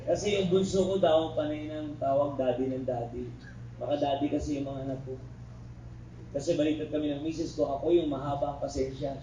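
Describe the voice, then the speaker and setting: A man's voice: mid-range voice, mellow. Middle-aged male lecturer, echoey and distant. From Philippines. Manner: joking asides, keeps checking in with the class. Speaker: criminology review lecturer. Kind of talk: classroom lecture. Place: classroom. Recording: echoey room recorded from far off, faint background noise.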